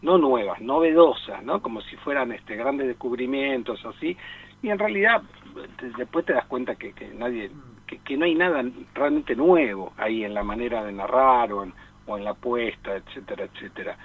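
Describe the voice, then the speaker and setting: An Argentine-accented film columnist and radio team member talks about movies in a mid-range, slightly rough voice, heard through phone-quality sound. His conversational commentary is digressive and halting, and he frequently checks for agreement with tag questions.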